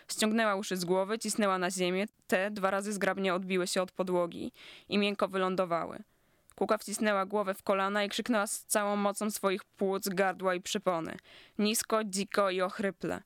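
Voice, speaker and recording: A narrator reading literary prose aloud, and the tone stays sardonic and biting. The voice is smooth and resonant at a middle pitch. The recording is close and dry, with no reverb. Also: a bit bright. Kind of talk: scripted narration of a literary story.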